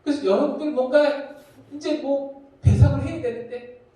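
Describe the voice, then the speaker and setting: A man's voice: very high-pitched, moderate pace. A man preaching a children's sermon, telling stories and acting out the voices he quotes. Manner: lively storytelling, acts out quoted voices. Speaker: children's pastor. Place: church hall. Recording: echoey church hall, mic from far off.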